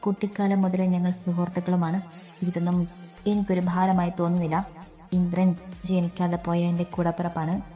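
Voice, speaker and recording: A woman's voice: fairly low pitch, little pitch movement, normal speed, dark tone, soft background music, natural voice. A woman voicing a loyal young man who speaks earnestly about his childhood friend.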